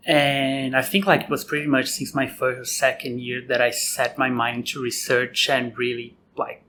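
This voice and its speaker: A Brazilian man in his thirties explains his path with a bright, forward tone and a steady sprinkle of "like". His English carries a Brazilian accent. A faint hiss sits under the recording. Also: mid-range voice, normal speed. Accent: Brazilian Portuguese. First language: Portuguese. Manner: frequent "like" fillers. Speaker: guest researcher. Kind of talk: casual interview answers.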